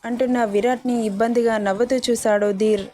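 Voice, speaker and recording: A woman's voice: on the high side, fairly even intonation, brisk, mellow. A woman narrating a scripted story and reading all the characters' lines in her own voice. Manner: reads every character herself without changing voice.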